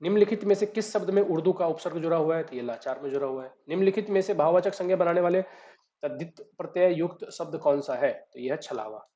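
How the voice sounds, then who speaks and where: A man's voice: a little high, quick pace, warm tone. A man tutoring, reading out each exam question and then explaining the answer step by step. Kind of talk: exam solution walkthrough. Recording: dull lo-fi recording.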